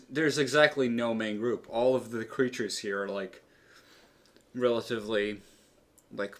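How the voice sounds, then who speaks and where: Slow, halting male game master. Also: medium pitch. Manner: hesitant, many fillers and restarts. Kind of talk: narrating a tabletop game.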